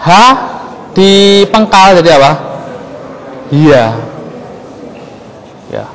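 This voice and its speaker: Slow, halting man lecturing in a hall. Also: high-pitched, a little hiss or hum. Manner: slow, halting, quizzes the audience often. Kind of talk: classroom lesson on Old Javanese script. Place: museum lecture room. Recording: long hall reverb.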